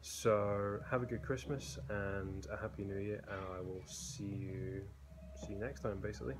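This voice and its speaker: A blacksmith vlogger in his thirties walks through his concrete-walled indoor workshop, filming himself on a phone held at arm's length. His lowish voice moves at normal speed, relaxed and rambling, with many fillers and restarts. The phone recording picks up a noisy workshop.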